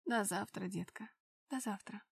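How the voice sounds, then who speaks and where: A woman voicing a loving middle-aged father speaking softly and tenderly on the phone. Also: medium pitch, unhurried, creaky, husky. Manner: soft, tender, hushed.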